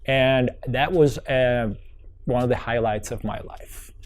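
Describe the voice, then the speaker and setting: Speaking slowly at a medium pitch, a young man from Georgia recounts his life story for an oral history interview. His first language is Georgian, his accent American, and his reflective telling is full of fillers and restarts.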